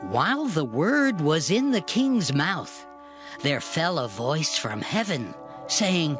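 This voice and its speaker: A man's voice: fairly high pitch, big pitch swings, slow. A man narrating a dramatized scripture reading as a solemn storyteller. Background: music.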